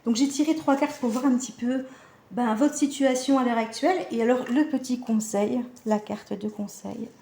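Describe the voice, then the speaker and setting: A woman's voice: fairly high pitch, moderate pace, vocal fry, mellow, reverberant. Chatty woman reading oracle cards. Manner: chatty, hesitant, many fillers and self-corrections. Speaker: animal communication card reader. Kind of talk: casual card-reading guidance.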